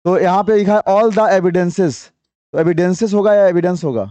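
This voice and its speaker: A high-voiced man with a dark tone teaches a classroom grammar lesson as an English teacher. He reads English sentences slowly, explains briskly, and coaxes students by quizzing them with repeated questions. There is no echo.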